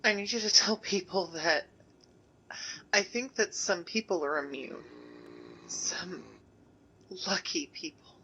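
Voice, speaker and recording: A woman's voice: mid-range voice, animated, pushed and bright, a little hiss or hum, poor audio. An actress voicing a frightened female field reporter pleading through a plague broadcast in a video game. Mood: fearful. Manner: frightened, pleading, slow halting delivery. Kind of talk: video game radio drama.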